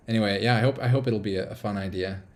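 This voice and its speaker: A man from the United States with a lowish voice hosts a casual live stream from a small apartment. He rambles in an upbeat way and reads viewer comments aloud.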